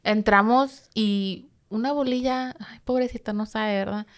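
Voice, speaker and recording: A woman's voice: a little high, fairly even intonation, unhurried. Slangy woman in casual chat. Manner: slangy, mixes in English words. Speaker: podcast co-host. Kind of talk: casual true-crime podcast chat.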